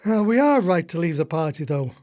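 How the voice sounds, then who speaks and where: Brisk and very animated, a slightly high male voice with a darkish tone voices a retired husband in a radio play. The older actor plays him as an indignant, exasperated, long-winded old socialist who has lost his illusions.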